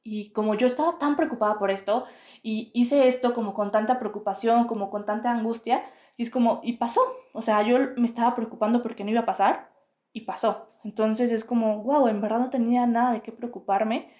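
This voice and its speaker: Mujer mexicana reflexiva, voz con eco de habitación. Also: female voice, fairly high pitch, fairly even intonation, brisk, darkish tone. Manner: musing, many fillers like "o sea" and "como". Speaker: podcast host. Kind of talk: reflective spiritual monologue. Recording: roomy, echoey home room.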